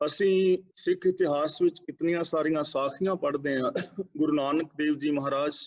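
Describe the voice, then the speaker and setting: A man preaches a sermon on scripture, his voice sitting slightly high. He recites each verse slowly and deliberately before explaining it. The recording sounds a little dull and muffled. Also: fairly even intonation. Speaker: Sikh preacher.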